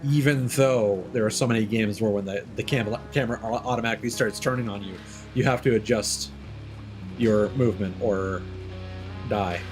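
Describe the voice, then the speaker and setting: With a fairly low pitch and a moderate pace, a male streamer offers loose, rambling game commentary, dropping lots of fillers and swearing casually. Guitar music from the game soundtrack runs underneath his voice.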